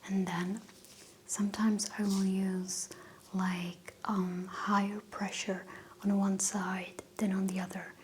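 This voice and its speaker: A woman speaks in a soft unvoiced whisper, playing a doctor through a calm medical exam. Her delivery is slow and unhurried, and the pitch stays flat and even throughout. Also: slight background noise. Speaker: doctor in roleplay. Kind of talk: whispered ASMR medical roleplay.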